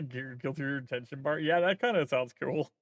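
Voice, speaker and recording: A man's voice: mid-range voice, normal speed, dry recording, studio quality. Rambling male vtuber streamer. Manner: rambling, thinking aloud with many fillers. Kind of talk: casual stream chat while working.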